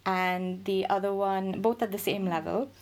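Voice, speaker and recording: A woman's voice: mid-range voice, fairly even intonation, normal speed. A woman being interviewed on a podcast, answering cheerfully with easy laughs and hesitant ums. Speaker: interview guest.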